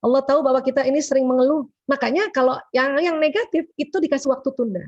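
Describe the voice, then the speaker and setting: High-pitched woman preaching health tips over a muffled zoom call, acts out little dialogues. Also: fast talker. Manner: animated, acts out quoted dialogue. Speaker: guest speaker, doctor. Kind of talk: lively religious health talk. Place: home, on a video call. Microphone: video call. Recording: dull lo-fi call audio.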